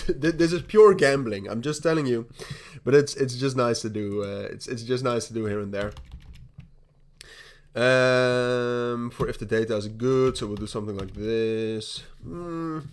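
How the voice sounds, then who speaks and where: A Dutch-accented man from the Netherlands hosts a crypto livestream, chatting casually while he trades. His mid-range voice moves at a normal speed as he rambles, laughs often, restarts himself repeatedly and swears casually.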